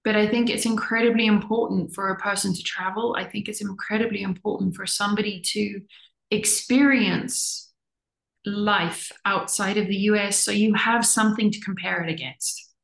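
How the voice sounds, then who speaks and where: In reflective conversation as an interview guest, this middle-aged woman, US-born and Zimbabwe-raised, speaks earnestly and repeats words for emphasis. She has a mid-range, creaky, fairly bright voice with fairly even intonation and a moderate pace, recorded in an echoey room.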